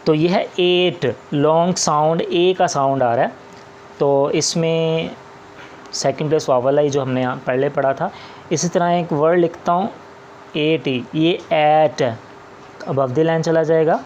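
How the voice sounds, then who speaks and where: A man's voice: on the high side, fairly even intonation, measured pace, darkish tone, dull audio, slight background noise. A man teaching shorthand step by step, patient and repetitive, often opening with "ji". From Pakistan. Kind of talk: slow step-by-step classroom explanation.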